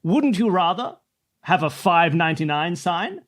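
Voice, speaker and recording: A man voicing a smooth-talking male salesman with wheedling sales patter, in a comedy podcast role-play. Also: high voice, big pitch swings, unhurried, voice pushed down. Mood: persuasive.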